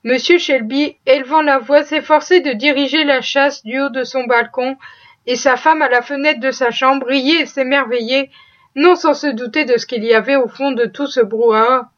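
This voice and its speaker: A woman reading a classic novel aloud as audiobook narration, steady and expressive. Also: high-pitched, normal speed. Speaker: audiobook reader. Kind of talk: scripted narration. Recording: dull lo-fi recording.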